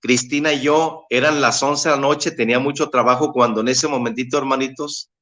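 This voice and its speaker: A middle-aged man with a Mexican accent tells his own story in an interview, earnest and halting, often repeating words and rising in pitch when moved. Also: steady tone, sharp tone. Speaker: bereaved father telling his testimony. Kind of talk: emotional personal testimony in an interview.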